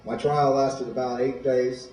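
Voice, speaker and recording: A man in his fifties gives a plainspoken personal testimony to a school audience. His voice is mellow and dark. He sounds distant from the mic, in a roomy hall with noticeable echo. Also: mid-range voice, flat delivery, a little slow, faint music behind. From Illinois, USA. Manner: plainspoken, storytelling. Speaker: guest speaker at a school. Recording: echoey hall, voice from far off.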